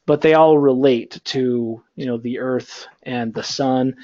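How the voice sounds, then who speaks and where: Through a computer mic on a video call, a male teacher with a medium pitch lectures slowly to his online class. He rambles with plenty of fillers in a relaxed manner, and the sound is lo-fi.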